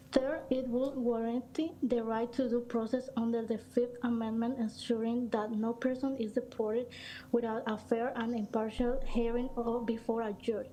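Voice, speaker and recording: A student, a young woman, reading a prepared public comment at a school board meeting in a formal, steady way with small slips. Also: a little high, slight background noise, low-quality recording. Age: teens.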